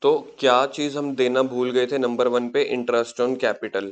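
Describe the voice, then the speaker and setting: Man teaching accounts, slow dictation. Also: medium pitch, little pitch movement. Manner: explains step by step, mixing Hindi and English, dictates English lines slowly; talks to students as beta, with joking asides. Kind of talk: classroom lecture.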